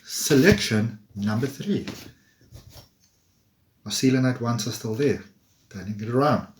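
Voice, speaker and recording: A man with a mid-range voice, speaking a little slowly, gives a playful, chatty tarot reading. He laughs often and talks to viewers throughout this casual monologue.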